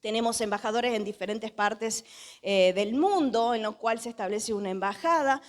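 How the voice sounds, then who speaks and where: An Argentine woman pastor preaching a sermon, telling a story with lively rhetorical questions to the congregation. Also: on the high side, normal speed. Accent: Argentine Spanish.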